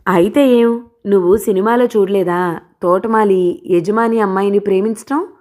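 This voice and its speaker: A woman's voice: mid-range voice, fairly even intonation, normal speed, a little mellow, close to an everyday voice. A woman doing a teasing young village girl.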